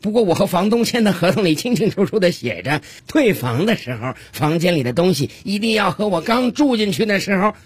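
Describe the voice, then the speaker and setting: A man's voice: high voice, sing-song, fairly quick, hardly any pauses, breathy edge, dry recording, voice pushed up, full character voice. A man voicing an earnest, fussy male tenant in a radio comedy sketch. He explains himself carefully.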